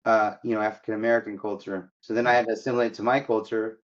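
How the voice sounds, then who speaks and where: A man's voice: lowish voice, level tone, fast talker, muffled recording. A man born in Egypt who grew up in America, a guest in a business interview, telling his life story in a candid, chatty way with fillers. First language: Arabic. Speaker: guest, mortgage company CEO. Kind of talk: casual interview talk.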